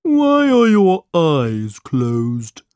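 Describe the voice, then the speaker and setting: A sulky young camel , voiced by a woman, whines and protests in a high, complaining storybook voice. The lines come out slow and drawn out, swooping widely up and down, with a dry, close sound. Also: wildly swooping pitch, dark tone, smooth, no echo, exaggerated voice. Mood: whiny. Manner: whiny, pleading questions. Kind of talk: storybook reading.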